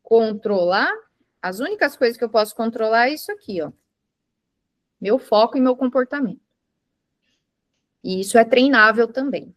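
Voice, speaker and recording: A woman with a slightly high voice teaches mindfulness to a live group in an indoor room, patiently explaining with everyday examples and asking the class questions. The studio-quality recording has no room sound.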